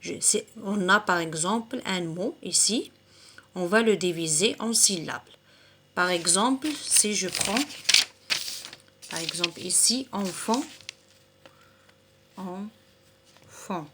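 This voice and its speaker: A woman teaching a recorded reading lesson for children, saying each word slowly, splitting it into syllables and repeating it patiently. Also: on the low side, background noise. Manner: slow and deliberate, splitting words into syllables.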